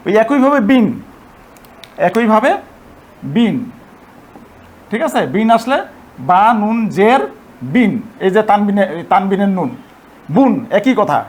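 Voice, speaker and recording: High-voiced man patiently teaching grammar. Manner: patient, repeats points and checks understanding; slows to spell out Arabic examples syllable by syllable. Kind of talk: explanatory lesson.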